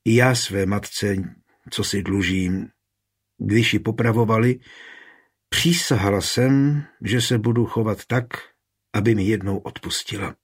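A man with a husky voice reading an audiobook, raising his voice for an impulsive, bitter young woman. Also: lowish voice. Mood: confessing.

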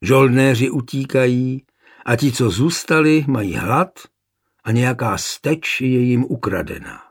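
A man voicing a gruff, rebellious soldier who grumbles defiantly, in a gravelly, husky voice. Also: medium pitch, lively intonation. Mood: grumbling.

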